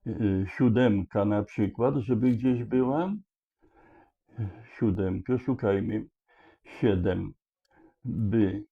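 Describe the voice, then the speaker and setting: A man slowly walking through how to solve a word puzzle, thinking aloud with frequent hesitations and restarts. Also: fairly low pitch, gravelly. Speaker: puzzle solver explaining a charade. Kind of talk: slow explanatory walkthrough. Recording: dull lo-fi sound.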